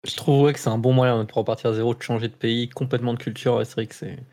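A man's voice: mid-range voice, steady tone, quick pace, a little mellow. A man chatting casually and informally with others. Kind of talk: casual conversation.

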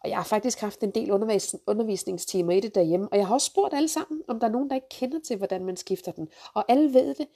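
A woman ranting through a countdown of pet peeves, blunt and sarcastic, swearing freely and jumping into sharp outbursts. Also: medium pitch, few pauses. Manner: jumps to sharp loud outbursts. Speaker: vlogger, mother.

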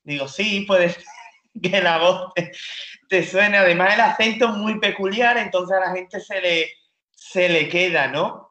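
Speaking a little slowly in a high voice, this man from Spain is a comedian on a casual interview, spinning animated, joking stories at his own expense. The audio has a dull, roomy, lo-fi quality.

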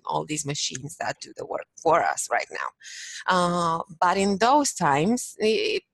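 A woman's voice: fairly low pitch, big pitch swings, slow, creaky, dry recording. A woman from Romania, a podcast guest who talks casually and thoughtfully, often restarting her sentences. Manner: thoughtful, many restarts and fillers. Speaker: podcast guest, business owner. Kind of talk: casual interview chat.

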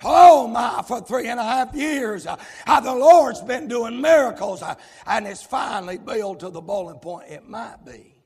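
A folksy Southern US pastor preaches a fiery sermon that swells into shouting. His voice sits high, gravelly and husky. A long reverb from the church sanctuary follows every phrase. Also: measured pace, few pauses. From South Carolina, US.

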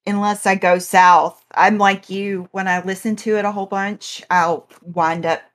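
A woman's voice: mid-range voice, little pitch movement, unhurried. A woman from Arkansas with a mixed Arkansas and Louisiana accent, a guest in casual chat who jokes about herself and laughs easily. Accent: mix of Arkansas and Louisiana. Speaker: podcast guest.

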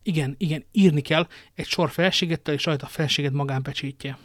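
A loyal, tearful young maid, as a male reader puts her on speaks with gentle, earnest devotion. The voice is raised well above a man's usual range. The sound is dry and close. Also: a little high, no room sound, lightly acted. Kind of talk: audiobook reading.

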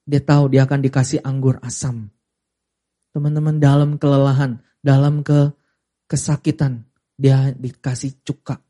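A young man preaching a sermon, animated and emphatic, leading his audience in call-and-response and dropping to quiet, serious asides. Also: moderate pace, long pauses. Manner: animated, rising to high emphatic peaks, then dropping to quiet; calls and response, has the audience repeat lines. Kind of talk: sermon to a youth congregation.

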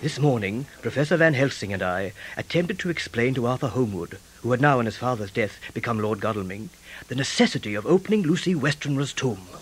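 A man's voice: medium pitch, animated, a little fast, breathy edge, poor audio. An actor playing a young doctor who narrates his diary and argues in a radio drama. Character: young doctor, skeptical then alarmed. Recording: music bed under the voice.

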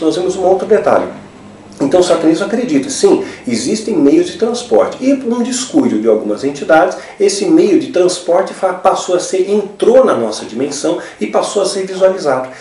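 A man's voice: on the high side, a little mellow. A man gives a religious teaching talk, explaining step by step and often checking in with tag questions. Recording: roomy, from a distance.

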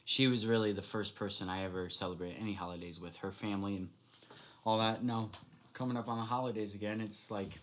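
A man's voice: on the low side, fairly even intonation, fast, fairly bright tone. A man co-hosting a podcast in casual chat, blunt, joking and freely swearing. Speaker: podcast co-host.

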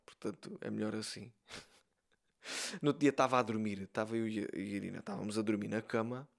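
A man's voice: lowish voice, steady tone, quick pace, creaky. A man with a European Portuguese accent hosting a solo podcast, telling crude jokey stories straight to his listeners. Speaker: podcast host. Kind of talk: casual solo podcast rant.

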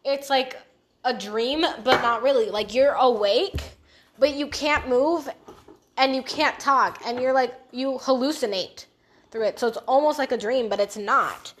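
A woman's voice: high voice, a little slow, a little hiss or hum. A young woman co-hosting a casual podcast, rambling through a story with many fillers and mild swearing. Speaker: podcast co-host.

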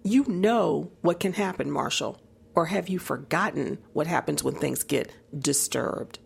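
A woman acting as a tense, secretive small-town woman in an audio drama. Her voice is lowish, husky and creaky. She presses her points accusingly. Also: expressive, unhurried, full character voice. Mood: worried, confronting.

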